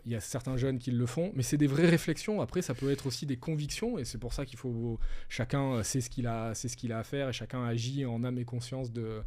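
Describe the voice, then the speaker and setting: A man's voice: mid-range voice, brisk, darkish tone. A middle-aged man, a guest advisor, explaining things step by step in a casual interview. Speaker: wealth management advisor, guest.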